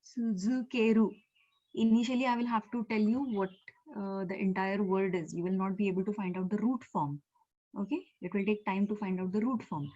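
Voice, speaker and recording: Indian lady teacher on a video call, soft mellow voice, kinda dull lo-fi audio, lots of uh and um. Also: medium pitch, a little fast. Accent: Indian English. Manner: explanatory, with frequent fillers and repetitions. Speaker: Japanese language teacher. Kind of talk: online class lecture.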